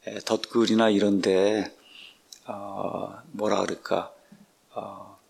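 A man, a pastor and Bible translator, teaching a book study series in an unhurried way with many drawn-out filler sounds. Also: lowish voice, little pitch movement, creaky, darkish tone, slightly rough.

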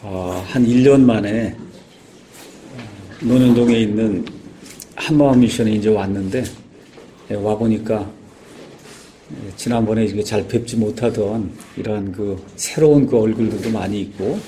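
A man giving an informal sermon, explaining patiently with frequent pauses and filler words. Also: on the low side, warm tone, slight background noise. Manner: halting, many "ye" fillers, explanatory. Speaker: guest speaker.

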